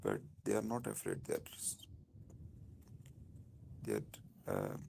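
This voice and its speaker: A man with a Pakistani accent speaking informally on a live stream, in halting, repetitive phrases. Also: extremely low pitch, huge pitch swings, creaky, mellow, a little hiss or hum.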